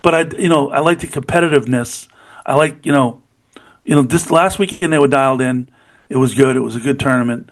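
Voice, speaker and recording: A middle-aged man in casual podcast conversation, talking with eager, rambling energy about sports. His voice sits at an ordinary pitch for a man. He keeps circling back to check the listener is with him. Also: a little fast. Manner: rambling, enthusiastic, repeats "you know what I mean". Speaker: podcast co-host.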